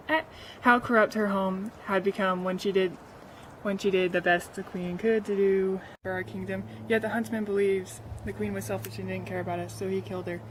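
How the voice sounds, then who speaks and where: A woman playing a grieving friend of a slain queen, a sly orator who speaks haltingly, in an amateur play. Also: medium pitch, a little hiss or hum, close to an everyday voice, poor audio. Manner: halting, hesitant speech-making.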